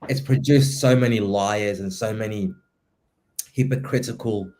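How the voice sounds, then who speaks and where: A man, hosting a relaxed podcast conversation. His voice sits low. He speaks haltingly, stopping and restarting as he works his thoughts out loud. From Somalia. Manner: halting, with frequent restarts and repeated words. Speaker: podcast host, writer and poet. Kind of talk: casual conversational interview.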